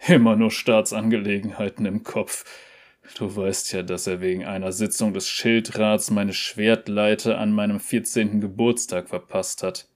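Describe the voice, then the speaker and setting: Storybook: grieving young prince, bitter, hushed, low, male reader's own voice. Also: level tone, moderate pace, natural voice. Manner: subdued, bitter.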